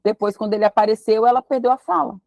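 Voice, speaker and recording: A woman's voice: a little high, fast talker, vocal fry, darkish tone, no room sound, dull audio. A woman, teaching a casual Bible study and thinking aloud as she reads verses. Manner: chatty, thinks aloud while reading verses.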